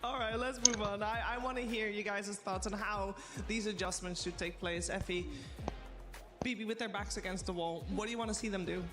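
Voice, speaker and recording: A man's voice: sits high, steady tone, brisk. A man hosting a live esports broadcast desk and handing questions to the panel. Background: music.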